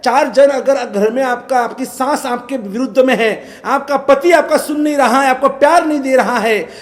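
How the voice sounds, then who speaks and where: High-pitched male monk preacher, animated storyteller, reverberant hall. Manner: animated storytelling, acting out voices of characters. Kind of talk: sermon with acted-out story.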